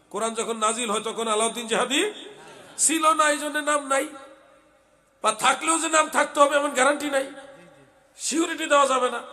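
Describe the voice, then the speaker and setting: Man, hoarse, from Bangladesh, bright sharp voice, loud heated sermon, stage mic. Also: very high-pitched. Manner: loud, heated, swings into shouting. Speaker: preacher. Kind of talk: Bengali waz sermon. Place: outdoor religious gathering stage.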